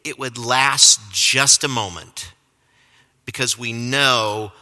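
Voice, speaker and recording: In a large, reverberant hall, a man delivers a sermon slowly, his medium-pitched voice sharp in tone. He recounts a story at his own expense and chuckles at himself.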